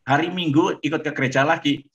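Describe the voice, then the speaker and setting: Brief: male pastor, animated testimony, slightly high, bright tone, muffled audio. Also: quick pace. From Malang, East Java. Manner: lively, acts out dialogue with shifting voices. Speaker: pastor giving his testimony.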